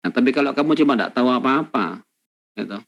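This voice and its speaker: A man's voice: medium pitch, expressive, fast, creaky, highs cut off. A man giving a university lecture, emphatic and repetitive, with many rhetorical tag questions. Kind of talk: classroom lecture.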